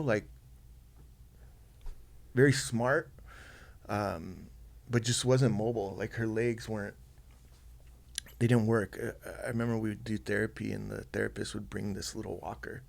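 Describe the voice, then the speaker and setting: A man, a podcast guest telling a personal story softly and haltingly, with many fillers and restarts. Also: fairly low pitch, creaky.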